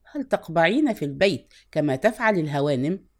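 Lady voicing a gruff young husband in a storybook, short and firm. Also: deep voice, big pitch swings, fairly quick, a little mellow. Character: stern young working man, gruff husband.

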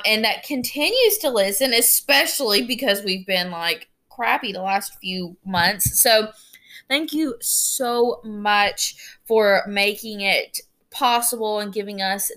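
A woman's voice: mid-range voice, a bit bright. Chatty young Southern woman podcaster. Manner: chatty, rambling, self-deprecating. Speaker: podcast co-host. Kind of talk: solo podcast intro, casual chat.

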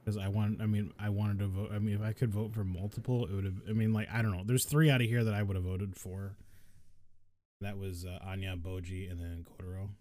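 A man's voice: on the low side, little pitch movement, a little fast, warm tone, no room sound. A man co-hosting a podcast, talking casually and hesitantly and calling the others "dude" and "bro". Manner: hesitant, filler-heavy, says "dude" and "bro". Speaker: podcast co-host. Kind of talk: casual chat.

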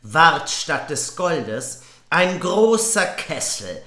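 A woman's voice: low voice, sing-song, drawn-out words, a bit bright. A woman co-hosting a podcast, reading a fairy tale aloud with playful banter and joking interruptions. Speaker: podcast co-host. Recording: roomy echo.

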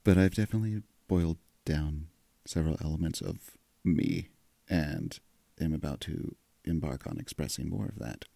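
A man's voice: extremely low pitch, moderate pace, gravelly, few pauses, mellow, dry recording. A man, chatting casually and playfully to his audience in a sleepy, just-woken-up voice. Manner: playful, self-mocking. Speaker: vlogger. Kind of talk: casual direct-to-camera chat.

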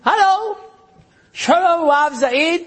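A rabbi putting on an apologetic caller. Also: male voice, very high-pitched, expressive, a bit bright, voice pushed up. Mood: polite, hesitant. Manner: broken Hebrew mixed with English, apologetic. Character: polite American man from Miami, halting Hebrew.

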